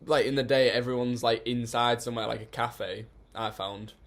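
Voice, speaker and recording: A man's voice: mid-range voice, moderate pace. A young man, co-hosting a podcast and telling a story in casual, teasing chat. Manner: chatty storyteller, excitable, teasing. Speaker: podcast co-host.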